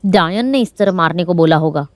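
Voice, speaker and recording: A woman's voice: fairly low pitch, fairly quick, dry recording, natural voice. A woman voicing a jealous, scolding village wife in a Hindi film dub, talking in a reproachful, complaining way.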